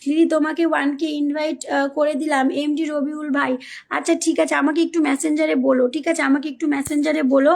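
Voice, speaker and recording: Her voice sits high and sounds creaky and a little mellow, with a flat, brisk delivery. Hosting a casual live stream, she reads out viewer comments and coaxes viewers in a pleading way, repeating names and phrases.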